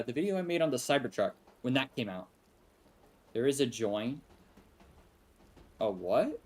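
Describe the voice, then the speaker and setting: Young Texan man, game streamer, casual and chatty, very animated intonation. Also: a little high, a little hiss or hum. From Texas. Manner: rambling, answers chat, laughs often. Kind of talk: casual live-stream chat.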